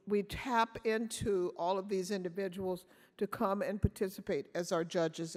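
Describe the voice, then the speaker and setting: A woman hosting a conference session, introducing judges with a halting, filler-heavy delivery. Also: mid-range voice, darkish tone. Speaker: conference host. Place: large conference hall. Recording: hall reverb.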